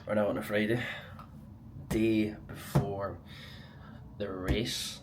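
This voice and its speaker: A young Scottish man with a fairly low voice talks casually into a handheld camera. His delivery is chatty and colloquial, in the style of a personal vlog. Clear background noise runs through the recording. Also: level tone, takes it slowly. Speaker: vlogger, amateur marathon runner. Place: on the move around a city, partly outdoors. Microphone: handheld action camera.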